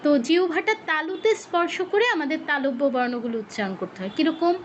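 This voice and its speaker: A woman teaching pronunciation in an online class, demonstrating each sound slowly, syllable by syllable, over a video call. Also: high-pitched, expressive, slight background noise. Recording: dull lo-fi video call audio.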